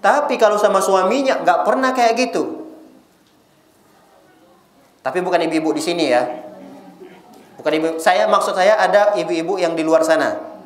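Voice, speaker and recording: A male Islamic preacher giving a casual, lively sermon to a women's audience, often teasing them with rhetorical questions. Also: high-pitched, moderate pace, pauses often, reverberant.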